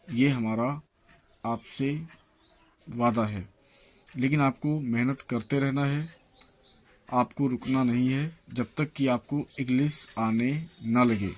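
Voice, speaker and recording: A male English teacher reads through pronunciation lists at an unhurried, measured pace. He names each example word on its own before moving to the next. Between the lists he turns to his viewers with steady encouragement to keep practising. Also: mid-range voice. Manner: slow, listing words one by one. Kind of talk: reading out a pronunciation lesson.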